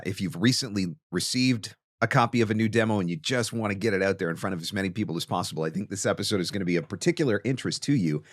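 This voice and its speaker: A podcast host who also works as a voice actor gives marketing advice, talking emphatically and conversationally straight to the listener. His voice is low, and the studio-quality recording has no room sound.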